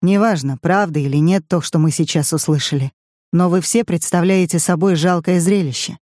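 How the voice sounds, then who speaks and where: Steady audiobook narrator, dry close sound. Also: mid-range voice, moderate pace, no echo. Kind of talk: scripted narration.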